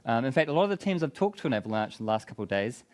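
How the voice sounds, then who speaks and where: A man's voice: mid-range voice, sing-song, very fast. A man with a broad New Zealand accent gives a product presentation at a conference, explaining things in an informal way. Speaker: conference speaker, business development head.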